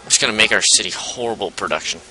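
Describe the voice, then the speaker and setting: A man's voice: fairly low pitch, racing, pushed and bright, low-quality recording. A man giving casual let's play commentary, rambling and explaining game mechanics as he goes, with frequent self-interruptions. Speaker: gameplay commentator. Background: game music.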